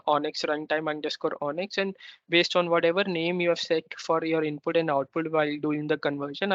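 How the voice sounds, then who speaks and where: A man's voice: on the high side, fairly bright tone, no room sound. A man teaching a technical workshop on a video call, explaining step by step and often checking in with a questioning "right?". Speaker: workshop instructor. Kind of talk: technical tutorial walkthrough. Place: remote meeting. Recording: slightly muffled, dry video call audio.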